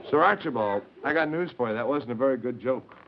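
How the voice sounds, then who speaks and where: A man's voice: mid-range voice, lively intonation, fast talker. A man hosting an old children's TV show, speaking in a folksy, exclamatory way to the kids. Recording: muffled, noisy old TV recording.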